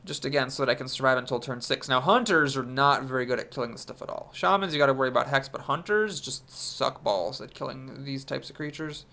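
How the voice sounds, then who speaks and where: This game streamer's voice sits in the mid-range, creaky and bright, with a forceful tone, a slightly fast pace, and few pauses. A young man nasal from a cold, he thinks aloud analytically while commentating his own card game.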